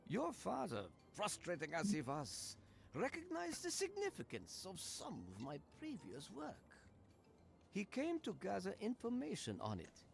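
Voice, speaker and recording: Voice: medium pitch, huge pitch swings, a little slow, vocal fry, full character voice. An actor voicing a haughty, sinister video game villain with formal, precise, condescending speech who toys with the listener. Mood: cool, impatient. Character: creepy, haughty little girl hiding a sinister controlling old man. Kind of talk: video game character acting. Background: game music.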